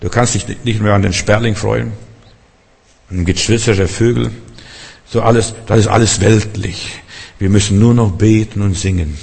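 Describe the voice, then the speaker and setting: A man's voice: fairly low pitch, vocal fry, darkish tone, breathy edge. A man preaching a sermon fervently, asking the congregation direct questions. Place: church hall in Berlin. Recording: long hall reverb.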